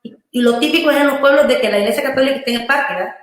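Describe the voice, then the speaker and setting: A woman pastor tells her life story in an interview, rambling earnestly and tagging questions onto her sentences. Her voice sits a little high for a woman. The room around her rings with heavy echo. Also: rapid-fire. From Honduras. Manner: earnest, loose storytelling with frequent "¿verdad?" and "hermano" tags. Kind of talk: telling a personal testimony in an interview. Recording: very echoey room.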